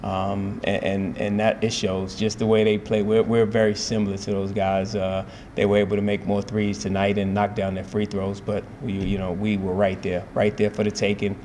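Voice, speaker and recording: Post-game, a head basketball coach in his forties addresses the press through table microphones, a sponsor backdrop behind him in the press room. His voice leans low, his delivery stays measured and steady, and fillers and repeated phrases come up often. There is a slight hiss or hum.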